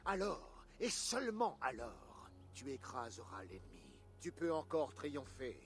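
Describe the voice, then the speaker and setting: A man's voice: mid-range voice, sing-song, a little slow, slight background noise. An actor voicing a stern, proud male Viking king in a dubbed video game, speaking with a commanding, scolding manner. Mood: stern counsel. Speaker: war leader.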